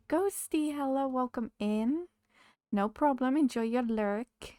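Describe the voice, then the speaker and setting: Losing her voice but still chatty, this woman streams a game at a slow pace, greeting her viewers and addressing the characters on screen. Her voice sits high with a warm tone, recorded at studio quality with no room sound.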